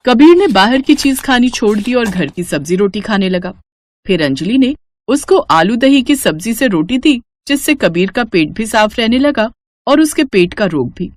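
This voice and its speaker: Expressive woman narrating a cartoon story. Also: a little high, moderate pace.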